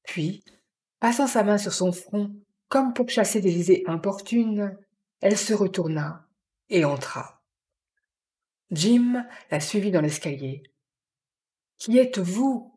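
Female audiobook narrator, deliberate, slow, mellow tone. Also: mid-range voice, lively intonation. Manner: measured, deliberate reading. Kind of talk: scripted narration of a novel.

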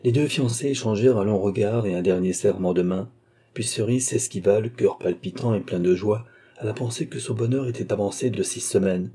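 Middle-aged male audiobook reader, low and husky, measured narration. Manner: measured, steady reading. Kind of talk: scripted narration.

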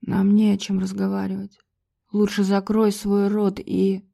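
A woman's voice: medium pitch, monotone, unhurried, gravelly, dark tone. A woman voicing a brooding man who speaks in a clipped, cold and menacing way.

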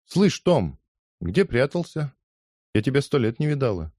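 A male reader's raised, pushed-up voice for a bold young street girl, cocky and quarrelsome, tossing back quick retorts in an audiobook. She bosses the boys around and never backs down. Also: medium pitch, big pitch swings, darkish tone, dry recording, clean studio sound, voice pushed up. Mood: teasing. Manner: bossy, quarrelsome, quick comebacks. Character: brash cheeky young London working girl.

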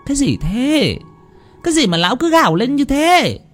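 A man voicing a bossy, short-tempered landlord's wife who scolds sharply in a high voice. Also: sing-song, normal speed, soft background music. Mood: scolding.

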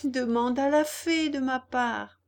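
A woman voicing an impatient wooden puppet boy who talks high, loud and urgent. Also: slow. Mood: pleading impatient.

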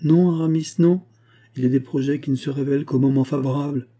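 A man's voice: medium pitch, steady tone, quick pace, mellow, voice pushed up, lightly acted. A man reading an audiobook, voicing a bold male musketeer who presses his friend with emphatic oaths. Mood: doubtful. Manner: insistent, emphatic, swearing oaths.

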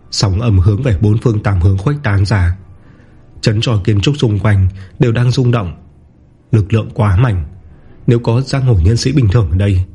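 A man narrating a martial-arts novel in a steady, even storytelling voice. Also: fairly low pitch, husky. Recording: soft background music.

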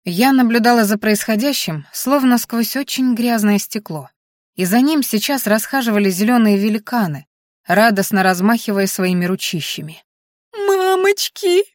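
A woman's voice: medium pitch, normal speed, no room sound, studio quality. Woman narrating an audiobook.

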